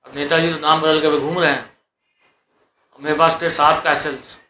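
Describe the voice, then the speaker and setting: A man talks straight to his viewers from his sofa at home in a preachy vlog monologue. His voice sits a little high and comes across tense and pushing. He keeps repeating phrases and firing off rhetorical questions. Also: little pitch movement, normal speed, sharp tone, slight background noise. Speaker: vlogger. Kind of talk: exhortative monologue.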